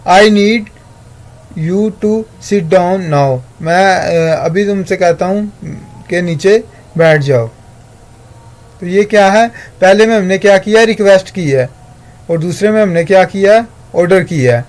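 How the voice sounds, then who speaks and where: A man teaching a recorded grammar lesson. He explains step by step, asks himself questions and answers them, and reads English example sentences slowly and carefully. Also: high voice.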